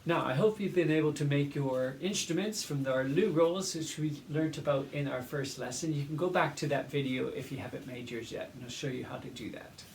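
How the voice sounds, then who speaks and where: A man teaching a primary school music lesson, explaining clearly and patiently and chanting rhythms aloud. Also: on the high side, fairly quick, few pauses, darkish tone. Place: classroom. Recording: echoey room, mic at a distance, faint noise.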